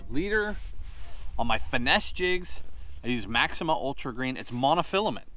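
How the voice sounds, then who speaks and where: A man in his thirties talks gear straight to the camera from a boat on a wide lake. He sounds practical and keen, and he moves quickly from one tip to the next as he handles each rod. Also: medium pitch, sing-song, bright, forceful tone, slight background noise. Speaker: fishing show host. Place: on a boat on an open lake outdoors.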